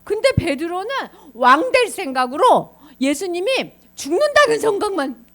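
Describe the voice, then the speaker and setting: A woman's voice: very high voice, moderate pace. A woman pastor giving a children's sermon, asking the kids questions as she tells the story. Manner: animated, quizzes the children.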